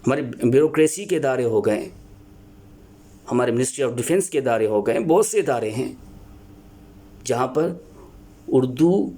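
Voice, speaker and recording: Earnest male teacher, mellow voice. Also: mid-range voice, animated, breathy edge. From Pakistan. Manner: earnest, explanatory, with many filler pauses and restarts. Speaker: Urdu teacher. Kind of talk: spoken lecture on teaching Urdu.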